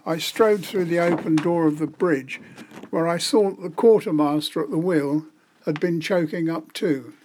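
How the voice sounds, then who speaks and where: Man, 70s, fairly high pitch, wry and self-deprecating, scripted reminiscence. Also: moderate pace, a little mellow, slight background noise. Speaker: storyteller.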